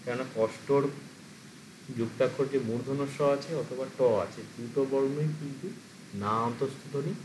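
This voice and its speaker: A man's voice: medium pitch, moderate pace. Guy teaching an exam prep class, mid voice, asks himself questions then answers them, faint noise behind. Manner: explains step by step, asks and answers his own questions.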